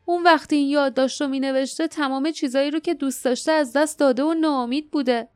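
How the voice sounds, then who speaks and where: A woman voicing a gentle young man who speaks softly and pleadingly in an audiobook. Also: high-pitched, steady tone, dry recording, studio quality, voice pushed up, close to an everyday voice. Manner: soft, pleading. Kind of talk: audiobook character voice.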